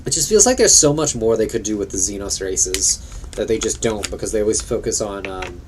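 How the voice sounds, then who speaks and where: A man's voice: lowish voice, expressive, a little fast, slight background noise. A man streaming a video game, rambling casually about its lore and thinking aloud, now and then swearing. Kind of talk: casual gameplay commentary. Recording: streamed over game music.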